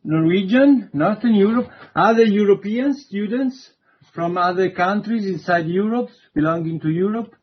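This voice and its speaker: A man's voice: high-pitched, husky, lo-fi sound. A man giving an online introductory university lecture, hesitant and full of fillers. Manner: slow, hesitant, many fillers.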